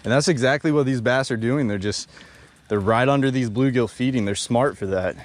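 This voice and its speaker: A young man vlogging while bank fishing at a pond outdoors, talking in excited slang and bursting into shouts. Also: medium pitch, fairly quick. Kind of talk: excited outdoor vlog commentary.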